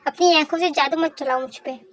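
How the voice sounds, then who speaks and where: A cocky young man who teases and bosses a girl around, put on by a young woman. The voice stays very high despite the male role, and is recorded up close and dry. Fan audio drama style. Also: fairly even intonation, no echo, close to an everyday voice. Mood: teasing. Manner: teasing, bossy, low and slow at times.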